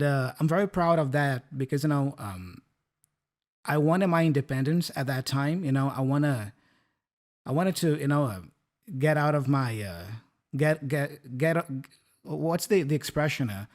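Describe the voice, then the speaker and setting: A Brazilian man in his thirties co-hosts a podcast in English, his second language, with a Brazilian Portuguese accent and a voice on the high side at normal speed. In a casual teaching chat he explains words warmly and keeps checking in with "right?" and "yeah?"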